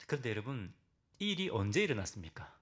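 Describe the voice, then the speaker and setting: This sermon comes from a middle-aged man, a senior pastor, whose voice swings widely in pitch at a quick pace. Standing in the church sanctuary, he questions the congregation directly and dramatizes biblical pleas with abrupt, loud, high-pitched outbursts.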